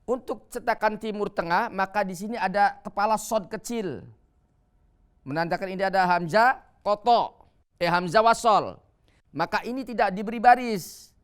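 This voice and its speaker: A man teaching Quran reading on a television program, explaining patiently and chanting Arabic verses slowly. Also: high-pitched, fairly bright tone, smooth. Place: TV studio.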